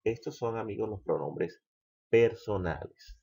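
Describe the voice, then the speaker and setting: A man teaching English grammar, slow and patient, checking in with the listener again and again. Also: on the low side, gravelly, highs cut off, noisy background. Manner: slow, patient, repeats "¿ok?" often. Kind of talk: explaining grammar.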